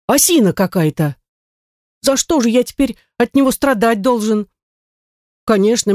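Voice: medium pitch, darkish tone, no echo, studio quality, close to an everyday voice. A reader voicing a wordy, self-pitying middle-aged male shoemaker in an audiobook, complaining at length. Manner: lamenting, long-winded. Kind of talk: audiobook character reading.

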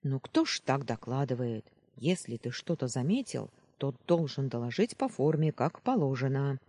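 A man's voice: mid-range voice, big pitch swings, moderate pace, darkish tone. A man voicing an irritable, bossy young male sentry who barks military orders, in an audiobook reading. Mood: grumpy, pedantic.

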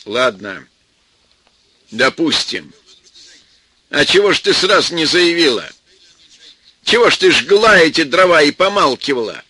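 A man voicing a hot-tempered, defiant young village man who shouts back at his mother-in-law. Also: a little high, sing-song, a little slow, long pauses, breathy edge, no room sound, voice pushed up, heavily acted. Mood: shouting.

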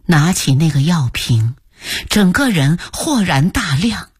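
A woman narrating a story for radio in a slow, hushed reading that often sinks to a whisper. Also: lowish voice, husky, no room sound, clean studio sound.

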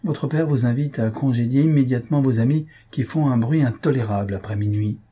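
A man's voice: mid-range voice, fairly quick, dark tone, breathy edge, natural voice. A man reading the lines of a formal old female housekeeper delivering an order in a storybook. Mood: stern.

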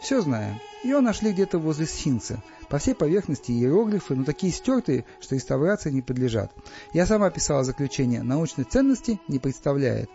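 A man playing a sharp-tongued, ironic mother. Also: a little high, big pitch swings, fairly quick. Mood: matter-of-fact. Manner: dry and cutting, then meek. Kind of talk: audiobook character reading. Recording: slightly dull, faint music underneath.

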